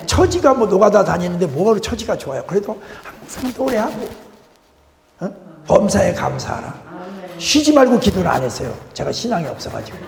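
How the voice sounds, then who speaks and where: With a fairly high, creaky, darkish voice, an older guest pastor delivers a folksy sermon in the church sanctuary. He makes joking asides to the congregation, and the recording carries the echo of the church hall.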